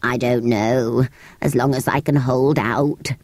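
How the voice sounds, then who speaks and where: A woman voicing a grumpy, weary furry wish-granting creature in a storybook, low and strained, with a testy, put-upon manner. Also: fairly even intonation, slow, a little mellow, no room sound, full character voice. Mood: weary, resigned. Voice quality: low, strained, tearful at times. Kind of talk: storybook character voice.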